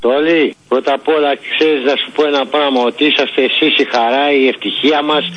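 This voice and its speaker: A man's voice: medium pitch, steady tone, a bit bright, slight background noise. Male caller, sincere and gushing, muffled lo-fi line. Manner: earnest, effusive praise. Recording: dull lo-fi sound.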